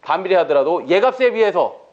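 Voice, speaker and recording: High-voiced man quizzing through an exam lecture. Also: big pitch swings, brisk, darkish tone, muffled recording. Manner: asks rhetorical questions and answers them himself.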